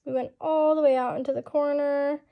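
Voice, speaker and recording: Young woman, high voice, gravelly fry, chatty, casual voiceover, heavy fillers. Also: little pitch movement, a little fast, lo-fi sound. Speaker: horse rider narrating her show rounds. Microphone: home-recorded voiceover.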